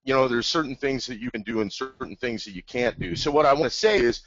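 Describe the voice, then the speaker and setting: A man talks shop on a webinar in a loose, eager, rambling way. His voice sits at an ordinary pitch. The call audio is dry and dull, with no room sound. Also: fast, fairly bright tone, no room sound. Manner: enthusiastic, rambling, plain-spoken. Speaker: webinar co-host. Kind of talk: casual webinar talk. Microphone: computer mic over an online call.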